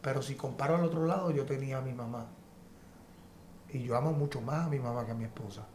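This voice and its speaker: Speaking fast in a darkish, medium-pitched voice, a male guest artist gives heartfelt, emphatic advice during a casual interview, going over his points again and again. He keeps dropping in "brother" and "¿entiendes?", and the recording is reverberant with slight hiss or hum.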